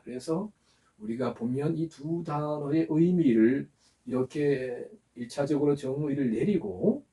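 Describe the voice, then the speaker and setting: A male pastor giving a sermon, explaining words slowly and asking the listeners to repeat after him. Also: medium pitch, mellow, far from the mic. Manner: teaching, with pauses to explain terms and have the congregation repeat words.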